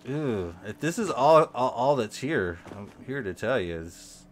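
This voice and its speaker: A man giving casual commentary over a video game, halting and repeating his words with frequent ums. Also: mid-range voice, very animated, a little hiss or hum. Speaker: gaming channel host.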